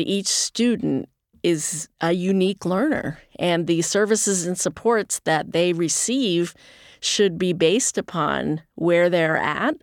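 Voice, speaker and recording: A woman's voice: on the low side, dry recording, clean studio sound. A woman in her sixties, a guest on an interview, explaining things earnestly in a conversational way. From United States. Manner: earnest and explanatory, with occasional laughs. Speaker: nonprofit chief executive, guest.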